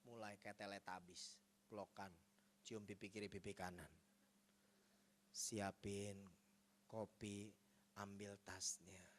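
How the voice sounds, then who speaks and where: Man pastor, bright voice, preaching with acted-out dialogue, hushed then loud. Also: fairly low pitch, slight background noise. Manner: storytelling, acting out dialogue, swings from hushed to loud. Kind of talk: sermon.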